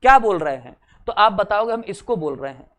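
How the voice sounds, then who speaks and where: Brief: young male teacher, smooth resonant tone, teasing classroom chat, quizzes the class. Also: high-pitched, expressive, a little fast, a bit bright. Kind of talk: exam-prep lecture.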